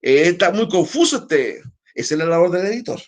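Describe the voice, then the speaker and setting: A man with a Chilean Spanish accent teaches an online class, explaining at length in a loose flow with hesitant restarts and frequent tag questions to check in. His voice sits high, with lively intonation and a slightly fast pace.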